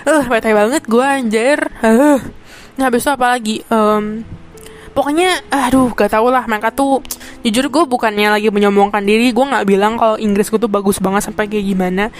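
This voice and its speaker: A young woman tells a story in a casual, slangy podcast chat. Her voice sits a little high and stays animated. She keeps checking in with her listeners. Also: fairly quick, soft background music. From Indonesia. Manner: animated, slangy, often asks "get it?".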